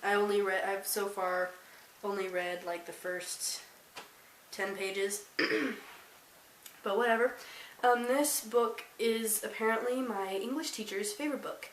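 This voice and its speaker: A woman's voice: medium pitch, steady tone, takes it slowly. Teen girl book vlogger, rambling and casual, echoey room. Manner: chatty, rambling, self-deprecating asides. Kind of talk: casual monthly reading wrap-up. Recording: roomy, slightly distant, faint hiss.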